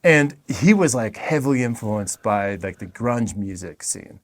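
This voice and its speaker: A man's voice: on the low side, animated, unhurried, no room sound. A man talking as a podcast guest in laid-back casual chat, full of "like". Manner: laid-back, peppers speech with "like".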